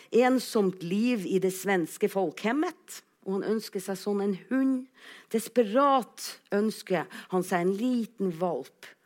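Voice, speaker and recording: Lively, expressive woman telling a story. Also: mid-range voice. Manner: animated, acts out quotes with big shifts in loudness. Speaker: actress. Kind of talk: personal storytelling monologue.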